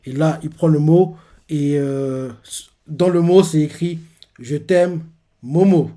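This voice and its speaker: A man's voice: fairly high pitch, measured pace, mellow. A man casually retelling manga chapters and reacting to them, talking in loose rambles full of fillers.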